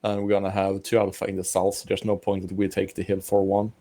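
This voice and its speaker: A man's voice: sits low, monotone, fast talker, mellow. A man thinking aloud as he lays out a tactical plan in casual game voice chat. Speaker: squad leader planning with players.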